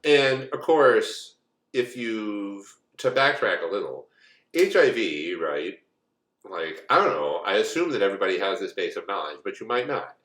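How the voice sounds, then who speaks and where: Man in his forties, casual rambling storyteller, lowish voice, lively pitch swings. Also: moderate pace. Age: 40s. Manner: animated, rambling with many asides and fillers. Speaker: co-host. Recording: echoey room.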